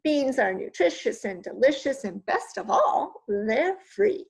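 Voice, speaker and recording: A bossy giant's wife from a storybook who scolds and orders everyone about, read by a woman. The voice is gravelly and unhurried. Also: high voice, big pitch swings, full character voice. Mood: stern.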